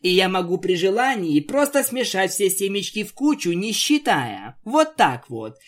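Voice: medium pitch, very animated, moderate pace, pitched above the performer's own voice. A reader voicing a fussy, grumpy female unicorn vampire who snaps and huffs, in an amateur fan-story reading. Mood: huffy. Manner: huffy, exasperated, snappish.

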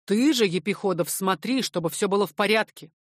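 Woman reading a practical merchant man, brisk, bossy, dry close sound. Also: mid-range voice, no room sound, close to an everyday voice.

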